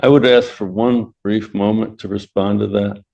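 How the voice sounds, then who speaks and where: A man arguing as an attorney in court, measured and restarting his phrases often. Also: on the low side, steady tone, vocal fry, warm tone, muffled recording. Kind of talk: courtroom argument.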